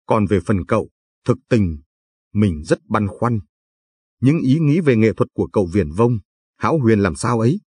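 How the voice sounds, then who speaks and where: A man reading a weary, gentle young man. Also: lowish voice, animated, normal speed, husky, no room sound. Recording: dry, faint background music.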